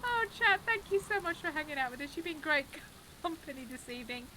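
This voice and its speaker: Bubbly woman streamer, teasing, bright voice, pitch all over, faint hiss. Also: expressive, fast talker, poor audio. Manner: playful, teasing, sings silly bits. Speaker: streamer, co-host. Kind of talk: casual gaming chat.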